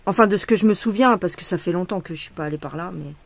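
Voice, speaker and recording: This lowish, creaky-voiced woman talks fast in a casual stitching vlog, venting irritation and swearing. Her speech rambles, full of fillers and restarts, and there is no room sound.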